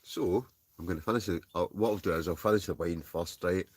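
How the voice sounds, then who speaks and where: A man's voice: low-pitched, a little fast, husky. A Scottish man chatting casually to livestream viewers in a rambling, chuckling, easily sidetracked way. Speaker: livestream host. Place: inside a tent.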